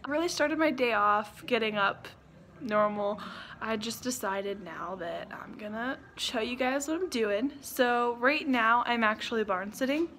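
A young woman vlogger films herself on a phone held at arm's length, chatting casually to viewers and laughing often in a horse barn that's partly outdoors in the rain. Her voice is a little high, expressive, a bit bright and a little slow, and the phone audio is poor, with barn noise.

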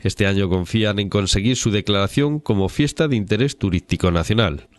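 Male reporter for scripted news voice-over, lowish pitch, dry sound. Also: fairly quick, no room sound.

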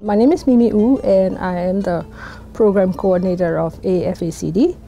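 A woman's voice: mid-range voice, moderate pace, gravelly, highs cut off, loud music behind the voice. A middle-aged woman program coordinator speaking earnestly and emphatically in a documentary interview in an office. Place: indoor office.

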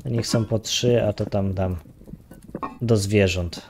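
Muttering counts and grumbling with mild swearing, a gaming YouTuber narrates his own play in a casual let's-play. He speaks slowly in a lowish, darkish voice with a steady tone, and a little hiss or hum can be heard.

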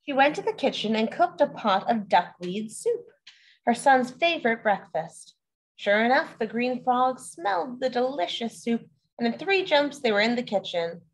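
A woman's voice: a little high, lively intonation, normal speed, husky, rough recording. A woman reading a children's story aloud as a storyteller, adding playful asides to young listeners.

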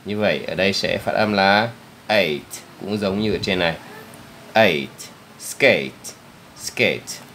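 A man teaching an English lesson to young children, patiently repeating each word slowly for the pupil to copy. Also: low voice, fairly even intonation, a bit bright, a little hiss or hum. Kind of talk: step-by-step spoken lesson for children.

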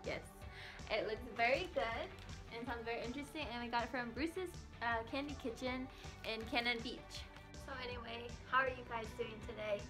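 A woman's voice: fairly high pitch, moderate pace. A young woman vlogging casually as she tastes candy, chatty and giggly. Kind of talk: casual food tasting vlog. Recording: music playing underneath.

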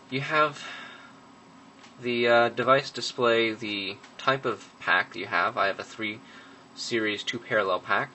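A young man, a product reviewer, gives a casual hands-on review of a gadget at a workbench. He speaks matter-of-factly with frequent ums and uhs, in a fairly low voice against a noisy background.

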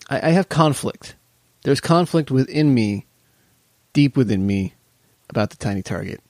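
A man's voice: fairly high pitch, a little mellow, no room sound. A man co-hosting a podcast in casual chat, joking and swearing freely with sarcastic asides. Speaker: podcast co-host.

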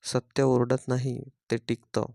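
Calm mystic stranger in an audio story, soft and unhurried, dark tone, read by a man. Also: medium pitch, vocal fry, dry recording, studio quality. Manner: calm, quiet, measured. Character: calm mysterious man, Krishna-like wanderer.

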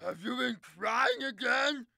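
Possessed diner boss, cartoon animatic, barking orders, gravelly, bright and harsh. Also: male voice, very high voice, expressive, unhurried, no room sound, studio quality, heavily acted. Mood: angry barking.

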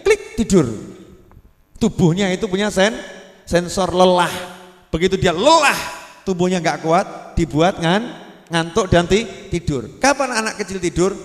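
A man preaching a sermon, asking the crowd questions and drawing out his words. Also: high-pitched. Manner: lively, asks the crowd questions and draws out words. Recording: long hall reverb.

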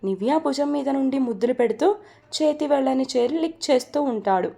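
A woman narrating a romance story from a script in a steady, even reading voice. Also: high-pitched, creaky.

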